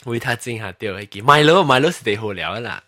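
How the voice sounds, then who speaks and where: A man's voice: medium pitch, expressive, quick pace, crowd noise. A man in casual chat, telling childhood stories animatedly and laughing, switching between languages.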